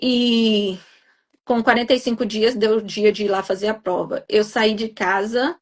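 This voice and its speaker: A woman nurse, a guest in a live chat, recounting a personal story in an animated, emphatic way. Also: a little high, measured pace.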